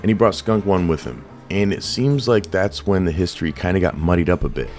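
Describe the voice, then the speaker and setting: A man narrating a history in a steady, informative way, with light music behind. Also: sits low, brisk. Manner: informative storytelling. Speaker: host. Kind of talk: scripted narration.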